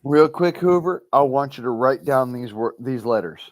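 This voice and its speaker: A man's voice: mid-range voice, animated, moderate pace, no room sound. A man with an Arkansas accent chatting casually, insistent and repeating himself for emphasis. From United States, Arkansas. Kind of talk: casual chat.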